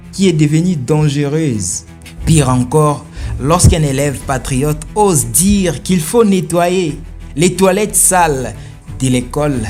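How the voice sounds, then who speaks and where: Male commentary host, emphatic and rhetorical, punchy delivery, faint music bed underneath. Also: fairly high pitch. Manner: emphatic, rhetorical, rising to forceful peaks. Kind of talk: opinionated commentary.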